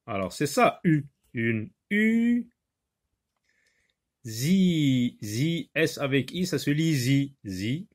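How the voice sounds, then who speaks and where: During a reading lesson in the classroom, a male teacher slowly sounds out syllables and stresses words as he repeats them. His voice is medium in pitch, slightly rough, and lively in intonation.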